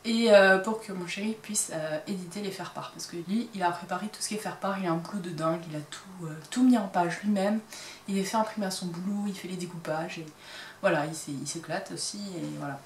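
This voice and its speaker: A woman hosting a crochet and knitting podcast chats casually and hesitantly, with many fillers, as she shows purchases from her home workshop to the camera. Her voice is on the low side and fairly quick, recorded on a roomy, distant mic with faint ambience and a little hiss or hum.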